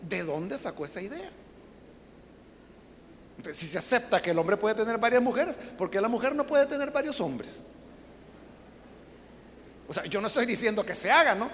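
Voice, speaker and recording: A woman preacher delivers a sermon in an emphatic, questioning way. Her voice sits at a middle pitch. It carries a long reverb from a large hall over faint background noise. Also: lively intonation, moderate pace, pauses often. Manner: emphatic, rhetorical questions, acts out quoted voices.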